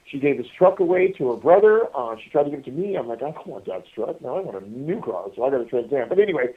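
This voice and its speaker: Calling a podcast from prison, a man rambles through stories over a tinny, band-limited phone line, halting and repeating himself as he talks to listeners. His medium-pitched voice is very animated and sounds distant from the telephone handset.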